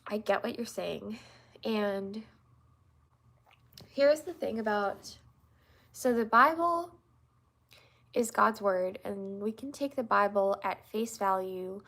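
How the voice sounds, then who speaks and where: Her mid-range voice is a bit bright as she takes things slowly, pausing often. Congested from allergies, the young woman answers livestream viewers about faith in a casual, earnest, rambling way, restarting and using fillers frequently.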